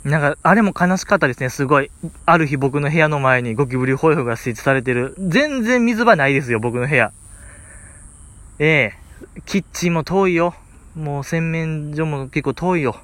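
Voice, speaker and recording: His pitch fairly high and his pace moderate, a male podcast host tells a story in Kansai Japanese. The monologue is relaxed yet animated, full of comic exasperation and filler words.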